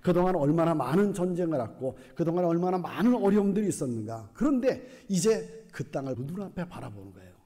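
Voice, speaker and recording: A man's voice: fairly high pitch, expressive, fast talker, hardly any pauses, warm tone, long reverb tail. A male pastor preaching a sermon, telling the story and acting out its dialogue.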